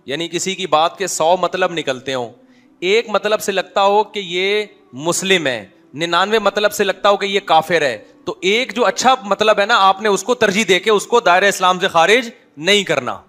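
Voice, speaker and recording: A man's voice: high-pitched, sharp tone. A man, an Islamic scholar, giving a conversational religious talk full of humorous anecdotes and often asking listeners if they follow.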